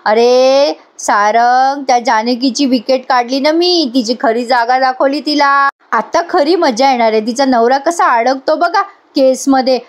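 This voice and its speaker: Woman voicing a drunk, scheming young woman. High, loud, boastful. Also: unhurried. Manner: loud, boastful, slurred celebrating.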